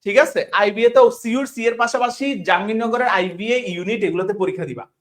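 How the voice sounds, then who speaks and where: A tutor with a Bangladeshi Bengali accent teaches an online class in a high-pitched, slightly fast voice. He's colloquial, calls his students brothers, repeats each question, checks in with them constantly, and mixes English words into his Bengali.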